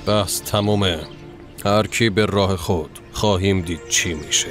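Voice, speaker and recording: Brief: male voice actor as a curt, bitter son, deep voice, score underneath. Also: fairly even intonation, lightly acted. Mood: cold. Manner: cold, clipped, curt. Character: bitter, stubborn grown son. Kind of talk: dubbed TV drama. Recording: music playing under the voice.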